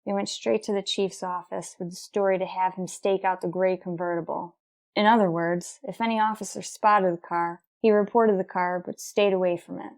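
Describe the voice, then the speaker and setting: Her fairly low, natural voice moves at a moderate pace as she narrates a radio crime drama. Playing the lead, a determined and businesslike police detective sergeant, she stays clipped, terse, deadpan, and procedural.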